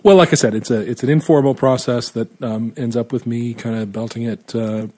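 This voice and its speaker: A man's voice: mid-range voice, steady tone, brisk, mellow. A man co-hosting a casual chat, adding wry short remarks. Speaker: podcast co-host.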